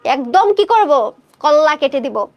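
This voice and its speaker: Woman reading as an angry village widow, high-voiced, threatening through clenched teeth, storybook reading. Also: big pitch swings, measured pace, dull audio, heavily acted. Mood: furious. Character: fierce widowed village woman defending home.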